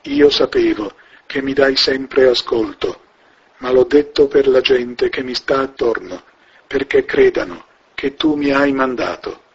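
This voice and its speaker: A calm holy teacher prays aloud in a slow, solemn cadence, voiced plainly by a male reader. The voice is husky and unhurried. It comes through with the dull tone of an old radio broadcast. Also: mid-range voice, full character voice. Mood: prayerful.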